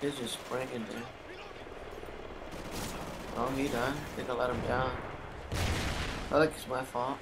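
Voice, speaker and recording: A man's voice: medium pitch, little pitch movement, unhurried, pauses often, very noisy. A young man hosting his gaming channel, giving casual gameplay commentary with joking, muttered asides to himself.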